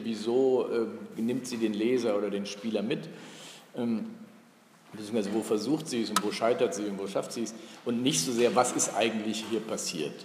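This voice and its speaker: A man giving a university lecture, relaxed and thinking aloud with many fillers. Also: fairly low pitch. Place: lecture hall. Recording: roomy echo in a lecture hall, faint room noise.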